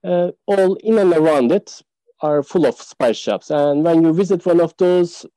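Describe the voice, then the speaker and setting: A man, a tour guide, explaining local food in a casual podcast interview, pausing often with "uh". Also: fairly high pitch, mellow, no echo, poor audio. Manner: explanatory, many "uh" fillers.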